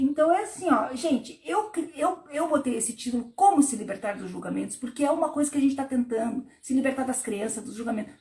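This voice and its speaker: A woman therapist, hosting a casual spiritual live stream, who talks in an animated way and acts out inner voices in a low murmur. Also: echoey room.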